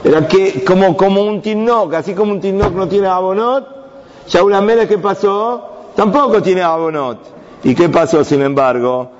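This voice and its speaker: A man's voice: high voice, normal speed, slight background noise. A man teaching a Torah lesson to young students, asking the class questions and answering them himself. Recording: dull sound with long reverb.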